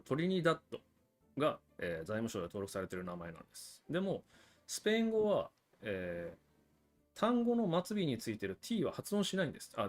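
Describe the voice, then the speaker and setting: A man hosting a livestream about cigars, explaining things in a chatty, casual way with frequent asides to viewers. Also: fairly low pitch. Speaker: cigar channel host.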